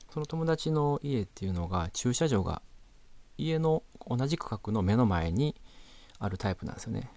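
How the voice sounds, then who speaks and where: A man's voice: on the low side, darkish tone, no echo. A man with a Kansai accent telling a comic anecdote to a listener, chatty and exasperated, with polite asides. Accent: Kansai Japanese.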